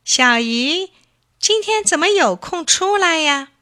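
A woman voicing a small, eager young male rabbit in a children's story, asking questions in a high, chirpy voice. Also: expressive, slow, sharp tone, heavily acted. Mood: curious.

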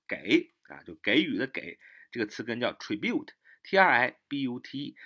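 A man teaching English vocabulary in a patient, repetitive way, spelling words out letter by letter with many drawn-out fillers. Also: medium pitch, sharp tone. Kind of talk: mnemonic vocabulary lesson.

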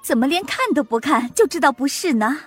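A very high, lively voice, as a man puts it on for a sharp, quick-witted young noblewoman. She talks briskly, with swooping pitch, in a storybook for children. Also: faint music behind.

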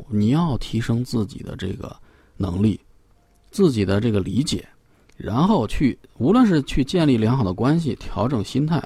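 Male parenting expert on a talk show: gravelly, husky voice, animated pitch, loose explanatory delivery. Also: no echo. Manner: explanatory, with many fillers and repeated phrases.

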